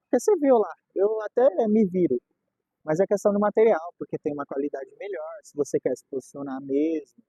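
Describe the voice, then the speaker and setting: A man's voice: fairly high pitch, a little fast, mellow, husky, dry recording, highs cut off. A young man with a Brazilian Portuguese accent, talking casually and readily agreeing with short, slangy replies. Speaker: business partner in the talk. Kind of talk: casual conversation.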